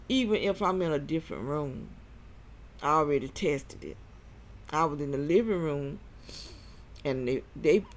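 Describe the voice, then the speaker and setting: A man giving a rambling personal monologue as a vlogger, halting and short of breath, with repeated restarts. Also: mid-range voice.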